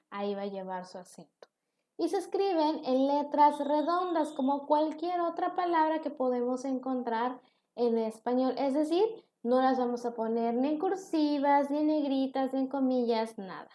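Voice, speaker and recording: A woman's voice: high voice, dark tone, reverberant. A woman teaching a recorded online class, explaining patiently and posing questions she then answers herself.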